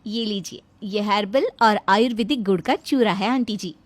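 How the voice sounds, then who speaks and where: A woman's voice: medium pitch, normal speed, dry recording, natural voice. A woman playing a cheerful young daughter-in-law who serves herbal drinks to the family. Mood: sweet.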